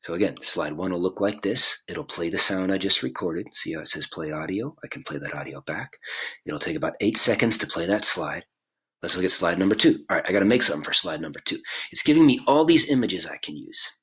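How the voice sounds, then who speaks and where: Male teacher, deep and a bit husky, casual screen-tutorial delivery. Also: expressive, fairly quick, a bit bright. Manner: casual, talks through each click.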